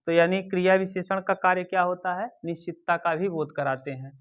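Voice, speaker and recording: A man's voice: sits high, brisk, fairly bright tone. A male teacher giving an exam-prep grammar lesson, repeating key terms and quizzing and dictating to his students.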